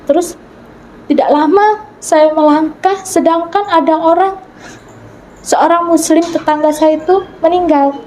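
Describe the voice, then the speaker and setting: A woman earnestly recounting a vision in an interview, acting out the dialogue in it, sometimes halting and restarting. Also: extremely high pitch, a little mellow, a little hiss or hum, poor audio. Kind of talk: personal testimony in an interview.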